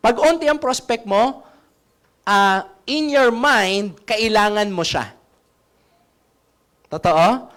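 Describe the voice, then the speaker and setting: A man's voice: sits high, a bit bright. A man giving a seminar talk as a sales trainer, coaching and keeps asking the audience questions.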